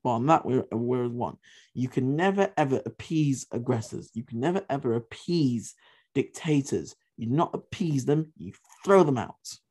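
A man's voice: mid-range voice, lively intonation, moderate pace, mellow, husky. A man hosting a history podcast, talking in an emphatic, opinionated way, repeating points for stress and swearing casually. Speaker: podcast host.

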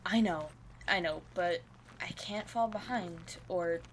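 A woman's voice: on the low side, takes it slowly, a little hiss or hum. A woman playing a stressed, overworked young college student, speaking conversationally in an audio drama. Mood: stressed, weary. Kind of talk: naturalistic audio drama acting.

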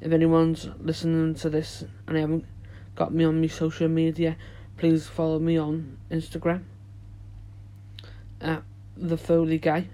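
A male podcast host chats informally to his listeners. His voice is mellow and fairly monotone. The delivery is unhurried and a little halting, without polish. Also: a little high. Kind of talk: casual solo podcast chat.

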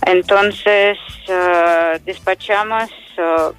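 A woman with a Russian accent explains conversationally in halting, non-native Spanish, often dropping small words. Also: on the low side, steady tone, fairly bright tone, clean tone, soft background music, rough recording. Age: adult mother. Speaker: health product entrepreneur, interview guest.

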